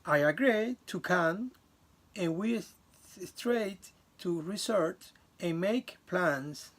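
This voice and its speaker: A student from the Dominican Republic gives a class presentation recorded on video. His voice is slow and gravelly yet high and animated. He speaks haltingly and earnestly, restarting sentences and using some non-native grammar.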